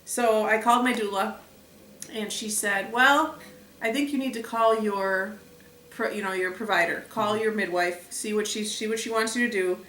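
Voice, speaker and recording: A young woman vlogger chatting casually to the camera, retelling events with lively acted quotes. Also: medium pitch, moderate pace, recorded from a distance, slight background noise. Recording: echoey room, a bit off mic.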